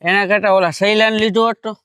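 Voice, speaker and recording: High-voiced man questioning sharply. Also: little pitch movement, a little fast, sharp tone, clear, resonant tone, no echo, clean studio sound. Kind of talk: rustic comedy sketch dialogue.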